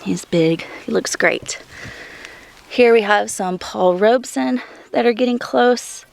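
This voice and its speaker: A woman's voice: a little high, unhurried, gravelly, darkish tone. A woman in her thirties giving a chatty, enthusiastic tour of her backyard vegetable garden, breathing heavily in the summer heat. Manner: chatty, enthusiastic, thinking aloud. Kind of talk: casual garden tour vlog.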